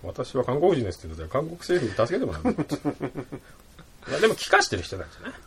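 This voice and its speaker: A man hosting a casual podcast chat, blunt and joking, who laughs often and lowers his voice for touchy gossip. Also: huge pitch swings, racing, gravelly, a bit bright, slight background noise. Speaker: podcast host.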